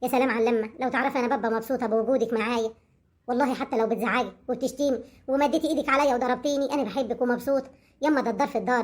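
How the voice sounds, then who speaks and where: A woman's voice: high-pitched, close to an everyday voice. A woman with an Egyptian accent playing a young village daughter-in-law who talks in a gushing, overly sweet way.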